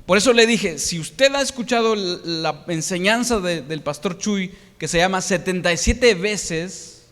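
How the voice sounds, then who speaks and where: A man's voice: sits high, a little slow, fairly bright tone. A man preaching a sermon, reading scripture and explaining it plainly to the congregation with frequent restarts. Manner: reads scripture aloud and explains it in plain words; addresses the congregation directly, many restarts. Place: church hall. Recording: long reverb of a church hall.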